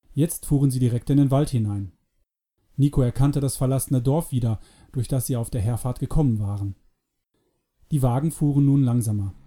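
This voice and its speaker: A man narrating an adventure story in a calm, measured audiobook reading. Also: medium pitch.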